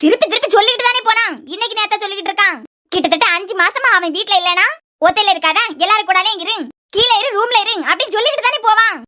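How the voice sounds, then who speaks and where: A woman voicing a sharp-tongued middle-aged mother-in-law who scolds and complains, in a Kanyakumari Tamil accent. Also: extremely high pitch, racing. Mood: scolding.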